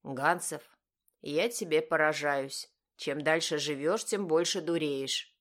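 A woman's voice: deep voice, slow pace. A woman voicing a blunt grown woman who scolds in a reproachful, matter-of-fact way. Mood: scolding.

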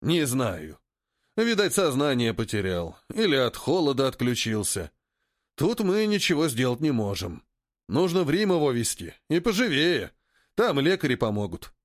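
A man voicing a sturdy, stocky old male cart driver who talks calmly and sensibly. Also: mid-range voice, normal speed, no room sound, clean studio sound, natural voice. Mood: steady. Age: older. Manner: calm, lecturing, wry.

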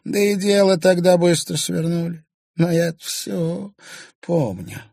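A man's voice: steady tone, vocal fry, darkish tone, no echo, studio quality, exaggerated voice. A man voicing a bitter, spiteful old woman who mumbles and drags out her words ominously. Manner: shrill, drawn-out, mumbling.

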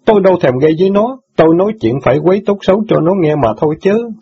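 A man's voice: sits high, lively intonation, very fast, slightly rough, pitched above the performer's own voice, exaggerated voice. A man voicing a sulky, angry teenage boy in a storybook reading, talking back with bitter, defiant retorts. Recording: dull lo-fi audiobook recording.

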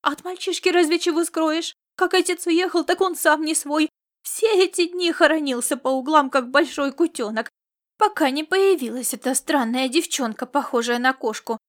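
A woman voicing a loud, bossy peasant mother who scolds and fusses in folksy speech. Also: sits high, normal speed, voice pushed up, close to an everyday voice. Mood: fussing scolding. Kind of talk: audiobook character reading.

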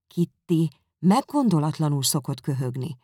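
A woman's voice: deep voice, very animated, darkish tone, slightly rough, no room sound, heavily acted. A woman reading aloud and voicing a dry, ironic middle-aged father who teases his family. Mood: teasing. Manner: mock-serious, teasing.

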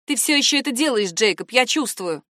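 A woman voicing a stubborn, sharp-tongued older woman who talks back defiantly in a raised voice. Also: fairly high pitch, lively intonation, a little fast, no echo, studio quality.

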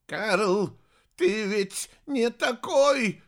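A man voicing an old sorceress, a grieving mother who speaks softly and tearfully, in an audiobook. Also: high voice, lively intonation, slow pace, creaky, pitched above the performer's own voice, heavily acted. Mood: pleading. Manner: soft, tearful, pleading. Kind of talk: audiobook character voice.

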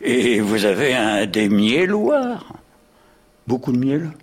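A man's voice: medium pitch, huge pitch swings, slow pace, exaggerated voice. Grouchy old wasp guy, stammers and grumbles, drawls, swoops up and down. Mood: curious. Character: grumpy old male wasp in a wig. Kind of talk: radio drama acting.

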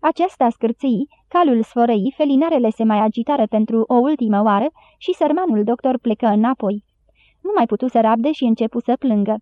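A woman reading a children's novel aloud as an audiobook narrator, steady storytelling. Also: a little high, dry recording. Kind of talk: scripted narration. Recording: dry, tinny phone-like sound.

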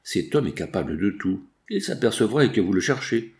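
A man's voice: lowish voice, big pitch swings, normal speed, a little mellow. A man reading the part of a firm, protective guardian who warns others.

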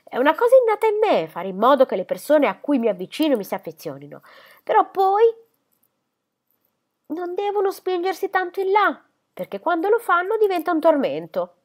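Woman voicing a coquettish young lady, teasing and airy, lively swooping pitch, audiobook reading. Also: moderate pace, exaggerated voice.

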